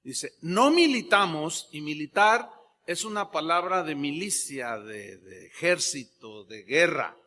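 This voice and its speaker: A man's voice: on the high side, expressive, slow pace, sharp tone, long reverb tail, slight background noise. A man preaching an emphatic sermon as pastor, calling on the congregation to answer back. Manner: emphatic preaching with call-and-response.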